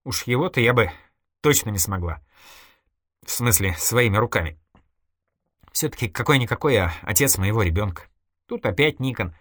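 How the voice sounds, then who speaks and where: A man reading an audiobook, voicing a cold, scheming woman who calmly mocks her friend. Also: fairly low pitch, normal speed, pauses often, no room sound, studio quality, pitched above the performer's own voice. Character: scheming cold female killer, calm and mocking.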